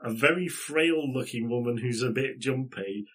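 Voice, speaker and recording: A man's voice: medium pitch, normal speed, fairly bright tone, slightly rough. A man narrating a tabletop game as game master, rambling with many fillers and restarts.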